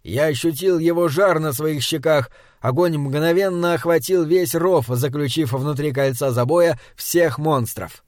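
Male audiobook narrator, slightly higher voice, steady dramatic delivery, dead-dry booth sound. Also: dry recording. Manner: measured, dramatic reading.

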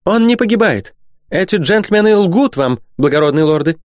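A man voicing a fearless young woman who cuts in loudly and sharply, reading an audiobook. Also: high-pitched, animated, normal speed, dry recording, studio quality, pitched above the performer's own voice. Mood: defiant. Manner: sharp, loud protest.

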